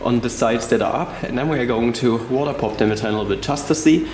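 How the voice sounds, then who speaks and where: A man casually narrating a woodworking vlog, talking excitedly and swearing now and then as he works on wood in his workshop. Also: medium pitch, fast talker, slight background noise. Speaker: woodworking vlogger. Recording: very echoey workshop room.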